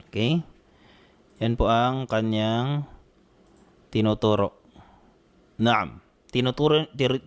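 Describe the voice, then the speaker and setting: A man teaching an online Arabic grammar lesson. He is patient, repeats his points often, keeps checking in with students, and slows down to say each Arabic phrase clearly. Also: mid-range voice, a bit bright.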